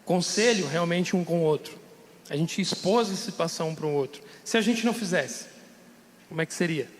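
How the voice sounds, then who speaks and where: Male podcast guest, high-pitched, candid emotional testimony, reverberant studio sound. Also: animated, moderate pace, slight background noise. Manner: candid, emotional storytelling with laughter. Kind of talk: casual testimony. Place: radio studio.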